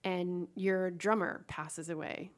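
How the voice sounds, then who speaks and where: A woman's voice: fairly low pitch, fairly even intonation, slow pace. A woman hosting a casual interview, chatty, setting up her questions with long recaps. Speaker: podcast host.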